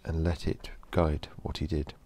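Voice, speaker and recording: A man narrating a horror story in a slow, measured storytelling delivery. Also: very deep voice, little pitch movement, warm tone.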